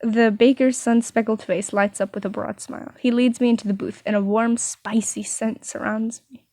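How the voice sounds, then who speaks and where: Woman reading a story aloud, high voice. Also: fairly even intonation, normal speed, a little mellow, dry recording, studio quality. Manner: playful asides between narration. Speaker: story reader. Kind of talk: reading a visual novel aloud.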